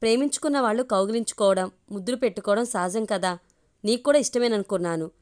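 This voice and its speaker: A woman's voice: medium pitch, quick pace, darkish tone, lightly acted. A woman reading a young lover man. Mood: apologetic. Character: young man, ardent lover, then apologetic. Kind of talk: storybook reading.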